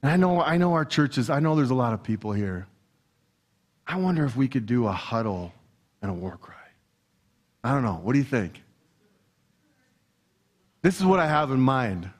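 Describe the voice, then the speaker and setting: A man with a Canadian accent preaching a lively sermon in a church hall, playful and energetic as he talks straight to the congregation. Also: mid-range voice, normal speed, long pauses. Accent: Canadian English. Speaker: pastor.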